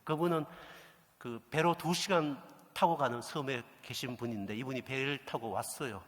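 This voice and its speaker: A middle-aged man preaching a sermon, telling a story and acting out the dialogue with lively energy. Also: mid-range voice, normal speed. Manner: animated storytelling, acts out quoted dialogue. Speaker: pastor. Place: church sanctuary. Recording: echoey church hall reverb.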